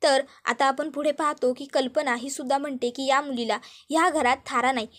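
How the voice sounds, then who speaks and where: A woman narrating a family drama recap with a high voice. She tells the story briskly, moving from scene to scene. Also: steady tone, fairly bright tone.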